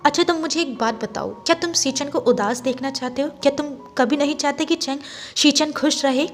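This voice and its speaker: A woman voicing a middle-aged mother, commanding at times and gently consoling. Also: sits high, brisk, faint music behind, lightly acted. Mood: tender. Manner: commanding, then soft and consoling. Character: stern but loving middle-aged mother.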